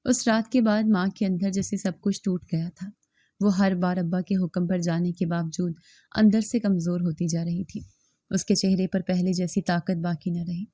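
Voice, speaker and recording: A woman's voice: on the low side, dark tone, dry recording, clean studio sound. A woman reading a scripted first-person story with dramatic, emotional delivery.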